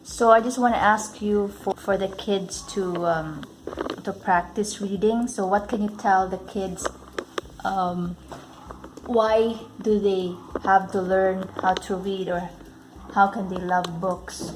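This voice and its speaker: A woman, a parent, chatting casually in a home vlog and gently prompting her child with simple questions. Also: medium pitch, steady tone, takes it slowly, noisy background. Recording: roomy echo.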